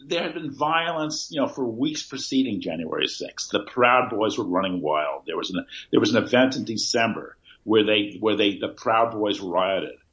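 A man speaking as a guest over a thin, metallic-sounding remote call connection, talking haltingly with lots of restarts and repeated fillers. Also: lowish voice, animated, a bit bright. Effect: tinny, metallic-sounding call connection. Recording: tinny lo-fi remote call line.

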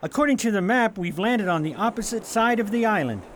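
A man's voice: high-pitched, expressive, a little fast, slight background noise. A man playing an earnest, plain-spoken young prince and boy sailor in a radio play. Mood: urgent. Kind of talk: theatrical radio play acting.

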